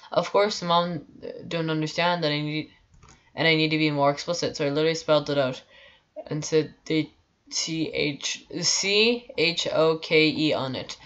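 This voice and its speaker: Young woman, low voice, reads a story aloud on stream and often trips over words; dull lo-fi audio. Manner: reads with frequent stumbles and restarts. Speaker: streamer reading stories aloud.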